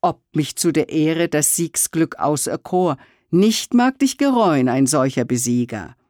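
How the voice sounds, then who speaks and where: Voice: mid-range voice, expressive, a little slow, a little mellow, no echo, clean studio sound, natural voice. A reader voicing a daring young man courting in a solemn verse recital. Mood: bold. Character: bold young male suitor, daring.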